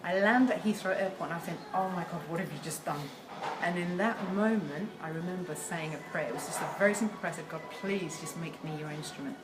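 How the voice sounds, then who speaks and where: A woman's voice: fairly low pitch, fast talker, over music. A woman in her thirties from South America, a relationship facilitator telling her story in an earnest, reflective way. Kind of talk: casual conversation. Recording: echoey room with loud ambient noise.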